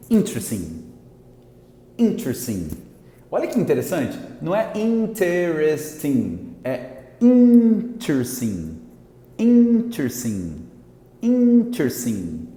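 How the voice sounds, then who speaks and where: A man with a Brazilian Portuguese accent teaching an English lesson, repeating example words slowly and checking in with his viewers often. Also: medium pitch, mellow. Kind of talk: language lesson at a whiteboard. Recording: echoey room with long reverb.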